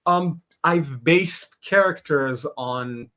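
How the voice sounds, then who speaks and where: An Israeli man who speaks Hebrew appears as a guest artist on a casual podcast interview, talking animatedly and laughing often. His voice is on the high side and sharp, and he speaks extremely slowly.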